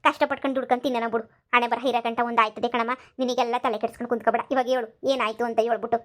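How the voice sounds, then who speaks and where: A woman voicing a sharp-tongued young village wife who nags and scolds, for a cartoon comedy. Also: on the high side, level tone, close to an everyday voice. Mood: soothing. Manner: scolding, rapid and nagging.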